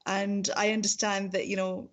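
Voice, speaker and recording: A woman's voice: medium pitch, flat delivery, moderate pace. A woman from Pakistan with a strong Pakistani accent, explaining her professional work informally in an earnest way, often repeating words. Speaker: speech-language pathologist and university lecturer. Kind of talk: informal professional talk about own work.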